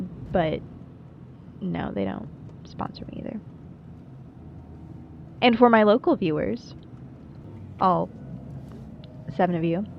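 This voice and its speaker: Her medium-pitched voice carries vocal fry through a muffled recording with a slight hiss or hum. She's acting as a small-town late-night radio host in a scripted audio roleplay monologue, wry and breezy, chatty and dryly poking fun at herself.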